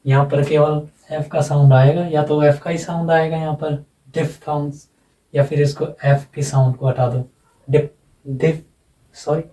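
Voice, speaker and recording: A man giving a phonetics lesson, slowly repeating sounds and words while he explains. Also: on the high side, warm tone, far from the mic, low-quality recording. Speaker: teacher.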